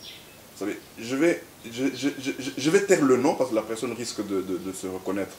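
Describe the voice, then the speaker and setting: A man from Central Africa, an interview guest who talks haltingly, repeating words, then tells stories in a measured way. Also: mid-range voice, darkish tone. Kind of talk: reflective conversational interview. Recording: echoey room with faint hiss.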